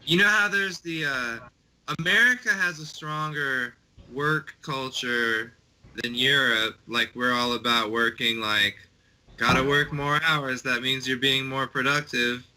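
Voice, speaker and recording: Man with a very bright, sharp voice. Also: medium pitch, unhurried, rough recording. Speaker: podcast co-host. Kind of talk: casual chat.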